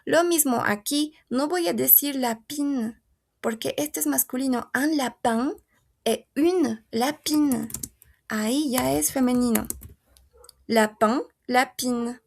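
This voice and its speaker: A woman teaching French to a class, patiently modelling and repeating every word. Her voice sits a little high and carries a gravelly, creaky edge, and she takes her time. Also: slow. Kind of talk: language lesson.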